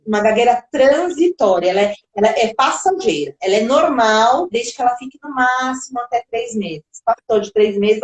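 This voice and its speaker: A woman's voice: a little high, darkish tone, reverberant, rough recording. A woman speech therapist giving explanatory answers in a live video-call interview, now and then acting out parents and children.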